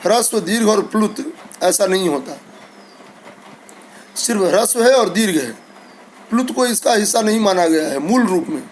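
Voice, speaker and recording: A man's voice: high voice, expressive, moderate pace, pauses often, a little hiss or hum, poor audio. A man teaching a lesson to school students, patiently reciting letters one by one and speaking to his pupils kindly. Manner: addresses pupils warmly, sends blessings.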